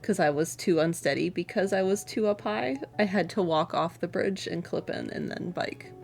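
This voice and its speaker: A woman's voice: lowish voice, moderate pace, gravelly, soft background music. A woman co-hosting a livestream in casual, conversational chat. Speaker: livestream co-host.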